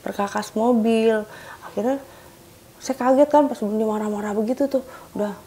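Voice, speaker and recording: A woman's voice: fairly high pitch, moderate pace, mellow, slight background noise. Young woman telling a painful story animatedly. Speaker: guest recounting her experience. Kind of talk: emotional personal account.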